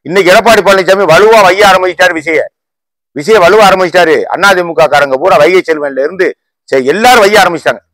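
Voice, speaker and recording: A man rants about politics at a quick clip. His voice sits high and bright, firing off rhetorical question after question. The sound is close and dry. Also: no echo, rough recording. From Tamil Nadu. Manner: combative, rapid rhetorical questions. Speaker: political YouTuber. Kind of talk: heated political rant to camera.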